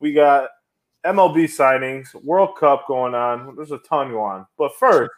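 A young man co-hosting a casual sports podcast, excitable and quick to laugh, sometimes bursting into shouts. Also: mid-range voice. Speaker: podcast co-host.

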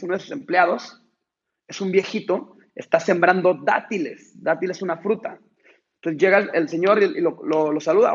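A man delivers a motivational talk to his team, hammering points home through repetition. His voice is fairly high for a man, creaky and husky. The recording is dull and lo-fi. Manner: emphatic, repetitive, deliberate. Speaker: motivational speaker addressing a team. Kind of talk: motivational talk with a told story.

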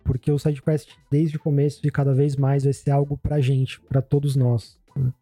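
A Brazilian Portuguese-accented man hosts a casual podcast. His voice is very dark and soft with a husky grain, in a dry recording over faint music. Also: mid-range voice, little pitch movement, moderate pace, no echo. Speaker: podcast host. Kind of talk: casual hosting chat.

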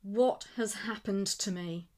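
A woman reading the part of a confused, frightened ex-fighter who has lost his memory, speaking in halting questions. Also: high-pitched. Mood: desperate.

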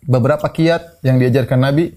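A man giving an Islamic sermon in speech, teaching in a lively way, acting out quoted people and reciting Quran verses. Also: medium pitch, normal speed. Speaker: Islamic preacher.

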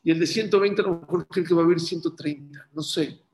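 High-voiced man teaching a Torah lesson. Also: fast, echoey room, a little hiss or hum. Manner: animated storytelling, voicing both sides of a dialogue. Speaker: rabbi.

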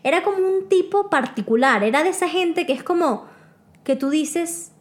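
A woman telling a story in casual chat with friends, animated and laughing, acting out what people said. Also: very high-pitched, moderate pace. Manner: animated, laughing, acts out quoted lines.

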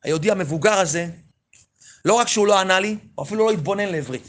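A rabbi telling a story in a sermon, swinging from loud pleading to hushed near-whispers. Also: male voice, high voice.

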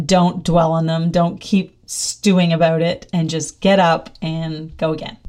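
A middle-aged woman talking casually in a monologue, upbeat and chatty, often laughing as she speaks. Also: sits low.

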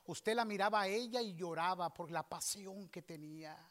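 High-voiced pastor preaching. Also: male voice, moderate pace. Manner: preaching with swings between soft asides and loud outbursts. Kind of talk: sermon.

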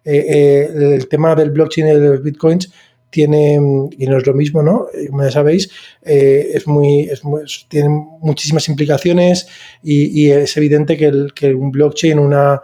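A man's voice: fairly high pitch, mellow. Chatty man hosting a tech podcast. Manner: chatty, hesitant, many fillers and restarts. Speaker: podcast host. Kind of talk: casual podcast chat.

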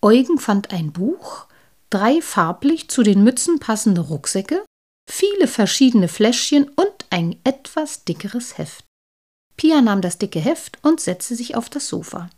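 A woman reading her own children's Christmas story aloud, lively, lifting her voice for the children's lines. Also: a little high, measured pace.

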